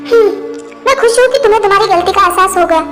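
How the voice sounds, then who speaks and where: Woman doing a calm young partner, lecturing, very high voice, soft music under. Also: fast talker. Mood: firm. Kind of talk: Hindi fan-dub voice acting.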